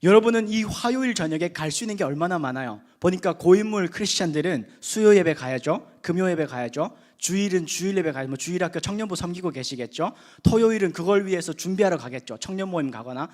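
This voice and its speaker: A man preaching a sermon at a youth worship service in a conversational way, swinging from loud emphasis to hushed asides. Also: high-pitched, lively intonation, fast, hardly any pauses.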